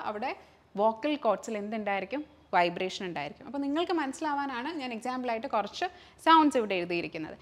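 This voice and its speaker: A woman teaches pronunciation, her voice higher than most and swinging widely up and down. She mixes Malayalam and as she explains the rules. She poses questions and answers them herself, then drills example words slowly. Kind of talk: classroom lesson mixing Malayalam and English.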